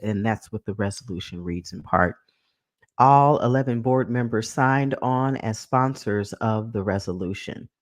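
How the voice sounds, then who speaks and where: A man's voice: lowish voice, unhurried, no room sound. Male live-stream news host on a headset mic, dead-dry close sound, earnest talk-to-camera delivery. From San Francisco.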